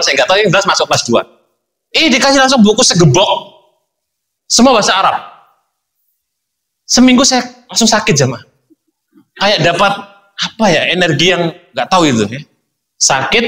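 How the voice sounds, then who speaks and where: Bright-voiced male preacher telling stories. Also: fairly high pitch. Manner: animated storyteller, acts out dialogue, addresses congregation often. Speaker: Islamic preacher. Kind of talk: sermon with personal storytelling.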